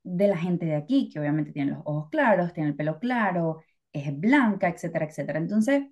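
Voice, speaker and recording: A woman's voice: on the low side, animated, fairly quick, a little mellow. A Venezuelan woman co-hosting a podcast, talking in a chatty, reflective way with lots of fillers. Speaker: podcast co-host. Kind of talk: casual podcast chat.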